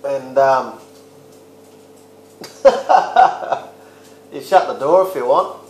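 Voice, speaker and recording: A man in his thirties with an Australian accent rambles through a casual beer review full of crude slang, his medium-pitched, darkish voice very animated with drawn-out words. He's recorded in a small indoor room on a close-up webcam or laptop mic, and the room sounds echoey.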